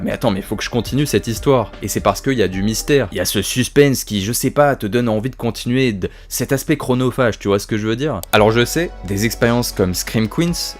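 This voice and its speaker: A man with a fairly low voice talks through his favourite horror series in a casual video review. He swears freely and mocks himself, piling on enthusiasm. Faint music plays under him. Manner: sweary, self-mocking, enthusiastic.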